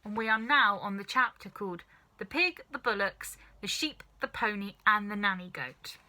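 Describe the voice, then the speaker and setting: A woman with a mid-range voice reads a children's story aloud at a moderate pace, narrating expressively as a storybook reader.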